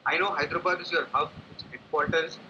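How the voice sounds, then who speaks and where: A man's voice: on the high side, fairly even intonation, fast. Hesitant man over a laptop speaker. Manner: hesitant, thinking aloud with many restarts. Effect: voice coming through a laptop speaker on a call. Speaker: client giving a testimonial. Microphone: laptop on a remote call. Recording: muffled lo-fi call audio with background noise.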